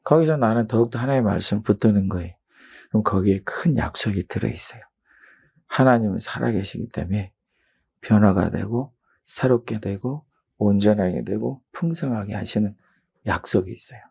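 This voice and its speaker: A middle-aged male pastor preaching a sermon, telling a story and rising to loud emphatic peaks. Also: fairly low pitch, normal speed, gravelly, slightly rough, lo-fi sound.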